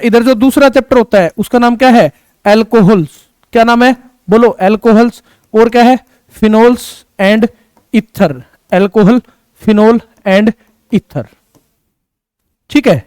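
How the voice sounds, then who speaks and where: A male chemistry teacher with a very high, clean voice, lecturing and constantly quizzing his class. He repeats each term and asks for it back. The sound is close and dry, with no room echo. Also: darkish tone, clean tone. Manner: repeats key words and asks the class questions.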